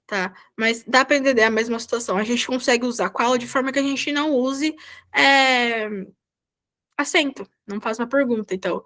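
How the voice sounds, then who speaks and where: A woman's voice: fairly high pitch, a bit bright. A Brazilian woman with a Brazilian Portuguese accent, a volunteer teacher explaining a Spanish lesson patiently over a video call and often checking that students follow. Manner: patient, repeats "tá?" to check understanding. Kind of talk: online class explanation.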